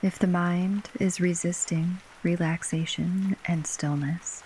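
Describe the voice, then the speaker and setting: Slow, soothing woman narrating a sleep story. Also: on the low side, a little hiss or hum, low-quality recording. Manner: gentle, unhurried, with long pauses between short phrases. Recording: steady rain ambience behind voice. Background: rain falling.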